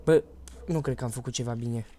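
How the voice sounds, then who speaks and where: A Romanian man streaming a horror game live, chatting casually and bursting into loud, panicky repeated shouts. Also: medium pitch. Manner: panicky, loud outbursts and rapid repeated words. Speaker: gaming streamer.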